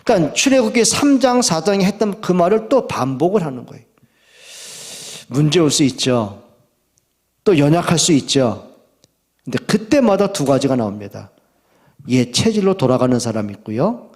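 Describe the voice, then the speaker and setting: A man preaching a sermon as pastor, reading scripture slowly and acting out quoted complaints with a raised voice. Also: on the high side, very animated, darkish tone. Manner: reads scripture slowly and deliberately.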